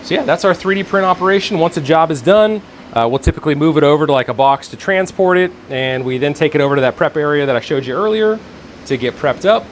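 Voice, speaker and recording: With a slightly high voice, lively intonation and a quick pace, this tour guide gives an informal vlog-style walk-through of indoor workplace rooms. He rambles and thinks aloud as he goes, over faint room and air-conditioning noise.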